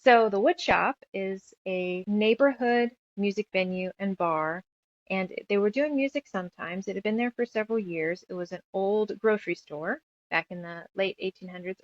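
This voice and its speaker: Talkative and reflective, an American author, musician, and audio drama maker rambles through her ideas as a guest in a relaxed interview. She has a mid-range voice. There's no echo, but the highs are cut off.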